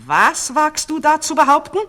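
A woman voicing a spiteful false queen, a scheming witch, in a shrill shouting manner for a storybook reading. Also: animated, normal speed. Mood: indignant.

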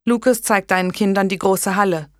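Woman reading as a gruff commanding medieval lord. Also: medium pitch, fairly even intonation, a little fast, no echo, clean studio sound, natural voice. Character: stern angry medieval English lord, older man.

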